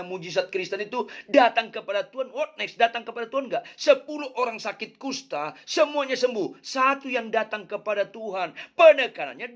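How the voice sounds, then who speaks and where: A man's voice: sits high, pushed and bright. A male pastor preaching a sermon with emphatic repetition and acted quotations. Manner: emphatic preaching with dramatic quoted lines.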